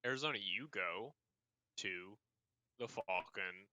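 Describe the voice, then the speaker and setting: Game master, loose and profane, man with a very bright voice, dry close mic. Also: fairly low pitch, slow, dry recording. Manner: loose, swearing, laughing. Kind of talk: running a tabletop game.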